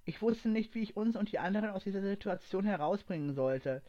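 A man's voice: high voice, animated, brisk, voice pushed up. A man voicing a tough, wounded young woman fighter in a story reading, tired but determined. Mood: weary. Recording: dull lo-fi recording.

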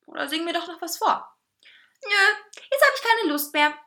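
A woman voicing a cheeky, bossy talking cake with a male diva temper, speaking in a shrill, mocking, theatrical way. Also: moderate pace, fairly bright tone. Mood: smug.

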